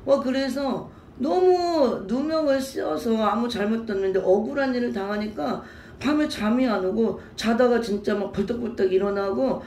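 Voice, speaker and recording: A woman's voice: on the high side, creaky, darkish tone, slight background noise. Emotional woman pastor preaching in an echoey church. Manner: emotional, repetitive, emphatic storytelling. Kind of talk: sermon testimony. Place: church sanctuary. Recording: roomy church echo, faint ambience.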